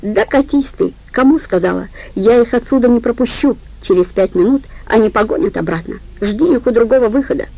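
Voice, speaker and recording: A woman voicing a defiant armed young woman who talks in a sharp, mocking tone. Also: on the high side, a little fast, gravelly, few pauses, pitched above the performer's own voice, poor audio.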